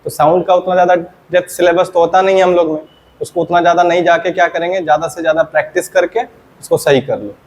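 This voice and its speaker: A man teaching English grammar in a classroom lesson. He often asks a question, answers it himself in a lower voice, and checks whether the class has understood. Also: fairly even intonation, quick pace, a little hiss or hum. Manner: asks questions then answers them himself, dropping low on the answers.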